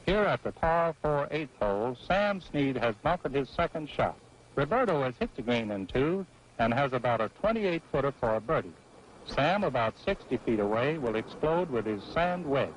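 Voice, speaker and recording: A man's voice: mid-range voice, sing-song, moderate pace. A man giving golf commentary on a televised match in a folksy play-by-play manner. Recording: noisy old broadcast audio.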